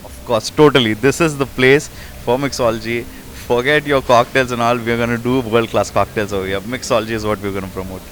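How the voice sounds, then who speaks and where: A bar owner gives a casual interview, brash and emphatic, boasting like a promoter. His mid-range voice is brisk with fairly even intonation, and there's a little hiss or hum in the audio.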